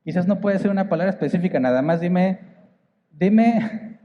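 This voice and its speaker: Preaching quickly in a high register, this man with a northern Mexican accent chats with his church hall congregation and asks them rhetorical questions. A long reverb tail trails his words on a lo-fi recording.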